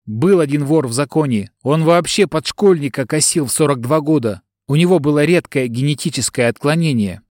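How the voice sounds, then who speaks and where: A man's voice: fairly high pitch, a little fast, hardly any pauses, darkish tone, no room sound, clean studio sound, natural voice. A man voicing a stern, commanding female bodyguard in an audiobook, raising his voice to a scolding woman's tone.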